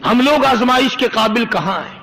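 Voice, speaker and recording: A man's voice: very high voice, expressive, fairly bright tone. A male preacher telling a moral story in a sermon, with rhythmic, repetitive phrasing. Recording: long hall reverb.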